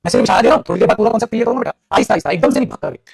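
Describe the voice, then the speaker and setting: Fast-talking high-voiced Hindi teacher, gravelly. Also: male voice. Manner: calls students "beta", asks and answers his own questions; acts out students' replies in a lower voice. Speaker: English teacher. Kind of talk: classroom grammar lesson.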